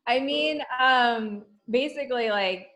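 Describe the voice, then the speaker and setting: A woman's voice: sits high, animated, drawn-out words, a bit bright, poor audio. A middle-aged woman doing dry stand-up comedy over a video call, with lots of laughing and filler words. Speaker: comedian guest.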